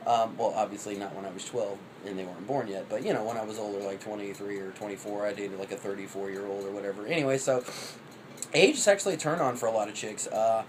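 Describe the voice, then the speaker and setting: A man's voice: lowish voice, quick pace, background noise. A man in his thirties giving rambling, profane dating advice in a cocky, offhand way. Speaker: vlogger.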